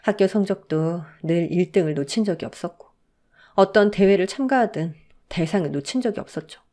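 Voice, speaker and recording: A woman's voice: medium pitch, fairly quick, dark tone. A woman narrating a dramatic family story in an emotional, scripted storytelling manner.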